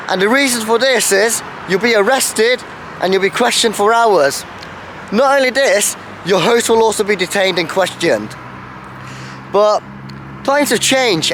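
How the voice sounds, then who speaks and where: A male travel vlogger films himself outdoors on a winter city street, shivering in the cold while chattily explaining what he sees. His voice is high-pitched, with a noisy background behind him.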